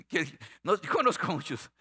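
Male pastor, middle-aged, bright ringing tone, lively sermon style that quizzes the flock. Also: fairly high pitch, unhurried, creaky, slightly rough. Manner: animated, questions the congregation directly.

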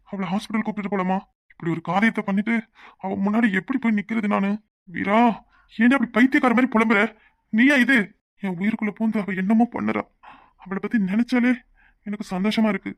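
A man's voice: high-pitched, no echo, close to an everyday voice. A man voicing a young cartoon husband, hot-tempered, brooding over his feelings and possessive.

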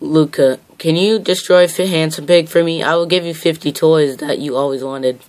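The host of a homemade puppet show, reading viewer questions aloud in a halting way. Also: mid-range voice, steady tone, darkish tone.

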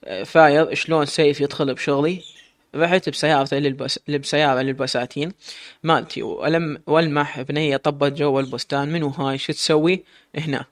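Brief: stern sheikh, thirties, fast commanding delivery, read by the narrator. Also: male voice, a little high, fairly even intonation, dry recording, lightly acted. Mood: curious.

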